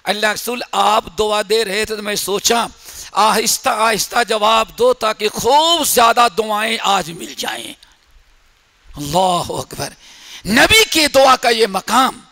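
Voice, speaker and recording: Guy preaching in a mosque, dramatic storyteller, whispers then shouts, big echoey reverb. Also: sits high, gravelly. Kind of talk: sermon.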